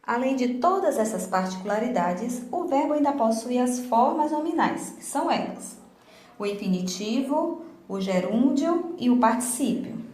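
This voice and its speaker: A woman teacher, giving a video lesson to young children and stressing each example slowly and clearly. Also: on the high side, expressive, a little mellow. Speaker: primary school teacher. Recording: roomy echo.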